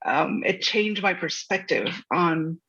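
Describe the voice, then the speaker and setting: Bright, husky-voiced woman host. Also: on the low side, slow, muffled recording. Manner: warm, appreciative, with small restarts. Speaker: podcast host. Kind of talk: casual interview chat.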